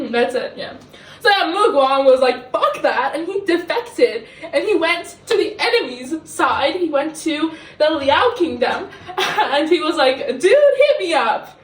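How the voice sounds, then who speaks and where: A young Middle Eastern woman, not a native English speaker, gushes and giggles her way through a rambling book review, excitable and self-mocking. Her high voice moves at a measured pace. Recorded from a few steps away from the camera, it echoes around a kitchen.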